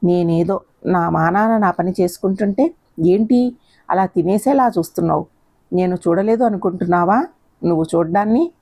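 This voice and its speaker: A woman's voice: lowish voice, moderate pace, mellow, no room sound. A woman reading the lines of a young man who scolds and then pleads, in a storybook reading. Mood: scolding. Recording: dull lo-fi recording.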